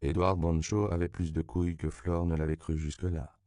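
A man reading a novel aloud as a narrator, at a measured, even pace. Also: low voice, clear, resonant tone, no room sound, clean studio sound. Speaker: audiobook narrator. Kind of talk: scripted narration.

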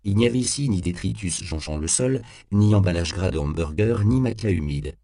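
A man narrating an audiobook in a grim, measured storytelling manner. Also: low voice, animated, gravelly, dark tone, no room sound, clean studio sound.

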